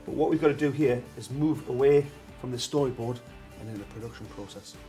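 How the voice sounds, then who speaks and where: A creative director coaching a student team in a brisk, emphatic way that repeats the key points. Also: male voice, medium pitch, mellow, faint music behind. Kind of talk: coaching advice.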